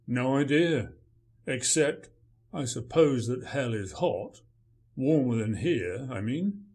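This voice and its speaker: A man's voice: mid-range voice, lively intonation, slow pace, a little mellow. A man playing a grumpy male writer, dry, sarcastic and dismissive in a radio play. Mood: sardonic.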